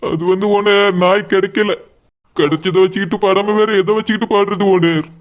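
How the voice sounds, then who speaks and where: A man's voice: high-pitched, steady tone, moderate pace, natural voice. A man voicing a polite, lovesick young man in a cartoon. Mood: mopey. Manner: polite, addresses elders respectfully. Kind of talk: cartoon voice acting.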